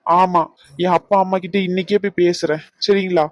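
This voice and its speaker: A woman's voice: lowish voice, fairly even intonation, normal speed, dry recording, natural voice. A woman voicing an earnest young male doctor in a cartoon, pleading and reassuring.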